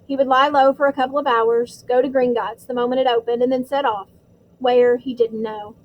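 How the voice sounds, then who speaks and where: A woman's voice: on the high side, steady tone, a little fast, dull audio, a little hiss or hum. A woman narrating an audiobook, reading steadily with dramatic stresses. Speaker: audiobook reader.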